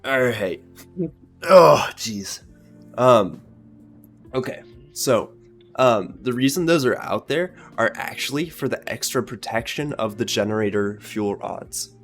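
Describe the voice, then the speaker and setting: A man streaming a ship-building game, chatting casually and joking, with ums and trailing pauses. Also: medium pitch, lively intonation, a bit bright. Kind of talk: casual gaming chat. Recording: faint music behind.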